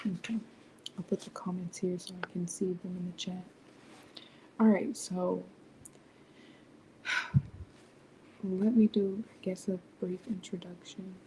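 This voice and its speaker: Young woman on a late-night live, hushed half-whisper, low flat mellow voice, faint hum behind. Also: slow, long pauses, poor audio. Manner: speaking softly, half whispered. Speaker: livestream host, business founder. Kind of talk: late-night livestream rant. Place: home at night, others asleep.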